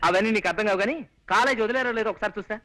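Brief: scheming romantic clown, highish bright voice, quick delivery. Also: male voice. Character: lovestruck comic man chasing a college girl.

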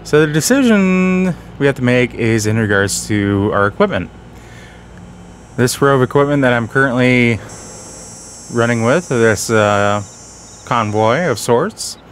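A man's voice: mid-range voice, a little hiss or hum. A man hosting casual game commentary, talking slightly off as he guards a sore, bitten tongue. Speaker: gaming channel host.

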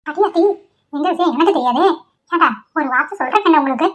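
A woman plays a nosy older mother in a cartoon, needling her son with sarcasm. She talks fast in a high voice. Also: animated, lo-fi sound. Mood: nagging. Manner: nagging, sarcastic. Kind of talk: Tamil cartoon voice acting.

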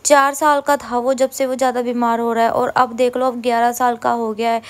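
A woman's voice: fairly high pitch, flat delivery, brisk. A woman in her thirties from India, chatting casually at home about her day as she does chores, rambling and often correcting herself. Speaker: vlogger. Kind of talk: casual chat while doing chores.

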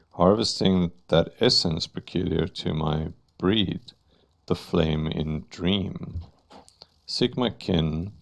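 A man reading a slow grand troupe master. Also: sits low, creaky, full character voice. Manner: slow, stately, theatrical.

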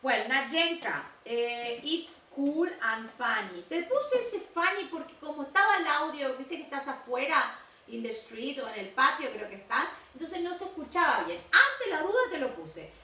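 Sex: woman. Role: English teacher going over homework. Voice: bright, with an unhurried pace. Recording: echoey room, mic held back. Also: sits high, big pitch swings. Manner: stretches out English words slowly and switches to quick explanations. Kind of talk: recorded video lesson correcting homework. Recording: roomy sound from a distance.

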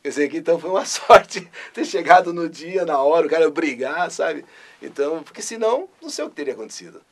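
Gravelly older Brazilian radio man. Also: fairly high pitch, fast talker. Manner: animated, bursts into his catchphrase. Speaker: radio host. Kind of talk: interview recollection.

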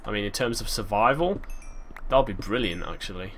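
A man giving chatty, excitable gameplay commentary, thinking aloud and breaking into sudden exclamations. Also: on the low side, a little fast, slight background noise. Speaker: gaming channel host.

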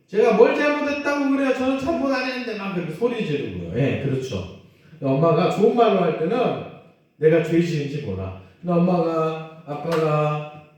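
A man preaching as a pastor to children, animated, asking them questions and acting out quotes. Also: high voice. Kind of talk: children's sermon. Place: church hall. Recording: very echoey room, mic at a distance.

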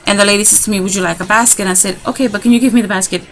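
Woman vlogger, mid pitch, chatty and rambling, clicking noise in the background. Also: very fast, rough recording. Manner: chatty, rambling, animated storytelling. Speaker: craft vlogger. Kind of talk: casual haul vlog.

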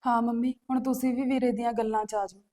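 A woman's voice: on the high side, level tone, fast, warm tone, close to an everyday voice. A young woman playing a hurt, resentful sister who sulks and answers back defiantly, with faint music behind. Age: young adult.

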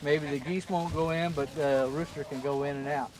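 A man's voice: fairly high pitch, fairly even intonation, a little fast. A man, chatting casually and easily while helping out on the farm. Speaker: farm co-host. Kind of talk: casual chat. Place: outdoor farmyard. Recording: noisy outdoor farm, chickens clucking. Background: chickens and rooster.

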